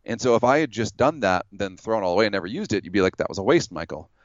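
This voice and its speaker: A man debating religion in a measured, explanatory way, building his case with hypothetical examples. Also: on the low side, lively intonation, dry recording, dull audio.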